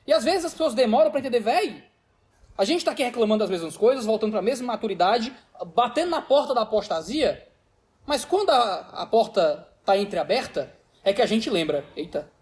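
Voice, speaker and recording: A man in his thirties, a pastor preaching a sermon and telling personal stories in an animated, slangy, blunt way. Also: extremely high pitch.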